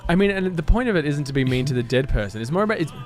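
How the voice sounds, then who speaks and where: A man's voice: fairly high pitch, lively intonation, racing, soft background music. A man with an Australian accent co-hosting a podcast, with dry, laid-back banter in casual chat. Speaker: podcast co-host.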